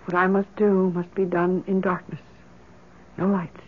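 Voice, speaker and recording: Speaking a little slowly in a natural, level voice on the low side, a woman takes the role of a grief-obsessed mother begging on behalf of her dead child in a vintage radio play. She sounds determined and fixed, imploring in a theatrical way, and the old broadcast audio is dull and noisy.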